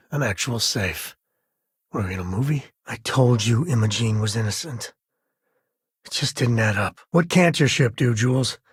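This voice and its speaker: In this video game companion dialogue, an actor voices a rugged, wry space-frontier explorer who is also a caring father. His husky, raspy voice sits at medium pitch, and his phrasing is folksy and conversational. The recording is studio quality with no room sound.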